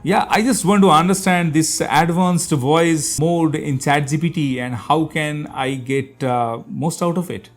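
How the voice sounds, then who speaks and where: A man's voice: on the high side, measured pace, hardly any pauses, faint music behind. A man with an Indian accent, from India, hosting a step-by-step tech tutorial and chatting with a voice assistant, explaining with plenty of fillers.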